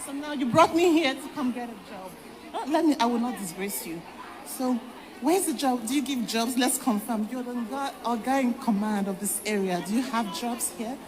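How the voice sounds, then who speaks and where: A woman's voice: on the high side, moderate pace, long reverb tail, a crowd in the background. A woman in a live confrontational exchange at a church session, defiant and challenging, repeating herself. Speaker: congregant in a deliverance session. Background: music.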